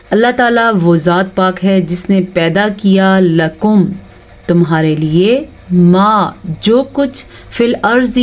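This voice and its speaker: A patient woman teacher explaining recitation rules in a calm, middle-pitched voice. She slows right down to stretch each recited word carefully, then goes back to plain explanation. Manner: patient, repeats words slowly, drawn-out recitation of verses; asks the listener rhetorical check questions. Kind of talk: tajweed lesson, explaining and slowly reciting.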